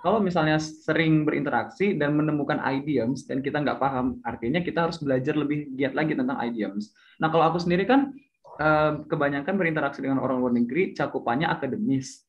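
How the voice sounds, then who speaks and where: A man's voice: a little high, fast talker. A young man in casual chat, explaining things while often stopping to correct himself. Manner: chatty, hesitant, self-correcting with fillers. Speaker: speaker sharing English tips. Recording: slightly dull lo-fi audio.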